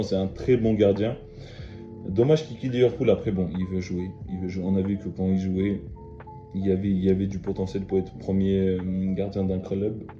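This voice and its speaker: A young man hosts a casual football analysis, chatty and emphatic, with fillers and restarts. His voice is low and very dark. The sound is dull and lo-fi in an echoey room, with faint music underneath. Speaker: football video host.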